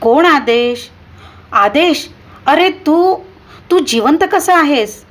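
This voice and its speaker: A woman's voice: high-pitched, expressive, a little slow, pitched above the performer's own voice. A woman reading aloud, voicing an agitated middle-aged male teacher who exclaims in a raised voice. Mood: shocked.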